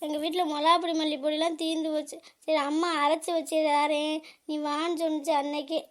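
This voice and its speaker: A woman's voice: high voice, flat delivery, fairly quick, natural voice. A woman voicing an adult daughter in a cartoon comedy, wailing and accusing her relatives.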